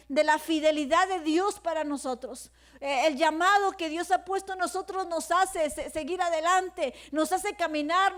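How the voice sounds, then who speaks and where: A woman pastor preaching a sermon, halting and repeating words, often calling her listeners brother. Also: extremely high pitch. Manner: grows fervent and louder toward the end.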